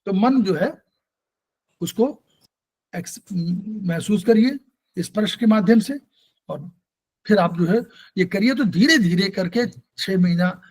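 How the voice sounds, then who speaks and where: A man's voice: high voice, expressive, slow pace, long pauses, darkish tone, slightly rough. A man teaching an acupressure class, explaining patiently and quizzing his students as he goes. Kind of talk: online class lecture.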